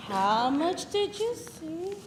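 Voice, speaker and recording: High lively voice, sarcastic teen younger sister, as a young woman plays her, wry comebacks, echoey stage hall, background noise. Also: slow pace, full character voice. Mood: teasing. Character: sarcastic teenage younger sister, wistful about heritage. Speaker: student actor in a campus stage play.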